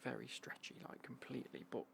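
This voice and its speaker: A British man whispering in a casual, rambling ASMR unboxing style, breathy and hushed, with dry, understated commentary. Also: a little fast, slight background noise. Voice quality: breathy, hushed whisper with creaky low murmur. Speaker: ASMR vlogger showing golf clothing.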